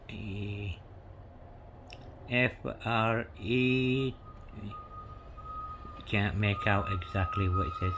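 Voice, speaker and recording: This man, showing off his coins, wanders from point to point, leaning on "you know" and "yeah" and reading each inscription letter by letter. His voice is fairly low and a bit bright. A little hiss or hum sits under the recording.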